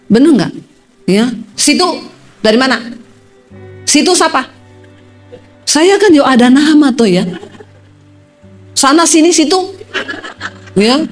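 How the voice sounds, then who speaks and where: A woman pastor preaching in a lively, humorous, storytelling way, often turning to address the congregation directly. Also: sits high. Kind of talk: sermon with storytelling.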